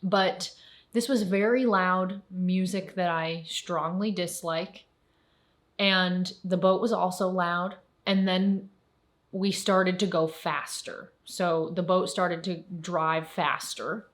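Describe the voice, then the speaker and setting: Woman, twenties, vlogger. Slightly low voice. Candid, rambling personal story with lots of fillers. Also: a bit bright. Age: 20s. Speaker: YouTuber.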